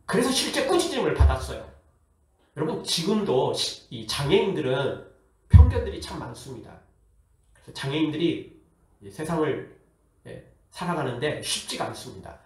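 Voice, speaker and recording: A man who is a pastor, preaching a sermon in a lively way with rhetorical questions and acted-out voices. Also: a little high, normal speed, pauses often, heavy reverb, distant mic. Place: church hall.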